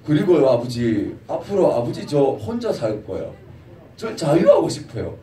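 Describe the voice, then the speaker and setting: A man's voice: medium pitch, wildly swooping pitch, normal speed, mellow, a little hiss or hum, pitched below the performer's own voice. A man voicing a selfish young son who pushes his father for his inheritance, in a children's Bible story. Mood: wheedling. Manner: wheedling, pushy. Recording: echoey room, mic from a distance.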